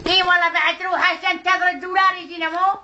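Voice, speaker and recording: An old Iraqi woman, extremely high in pitch and talking fast, begging and coaxing in a comic prank call. The amateur recording is clearly noisy. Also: little pitch movement, pushed and bright, highs cut off, heavily acted. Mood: wheedling. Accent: Iraqi Arabic. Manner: pleading, coaxing with endearments. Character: wheedling old Iraqi mother, pleading for phone credit. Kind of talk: prank phone call impersonation.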